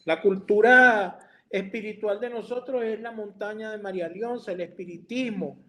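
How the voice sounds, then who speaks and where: A Venezuelan man hosting a live-stream discussion, answering in a reflective, measured way. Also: high voice, steady tone, fairly bright tone. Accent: Venezuelan Spanish.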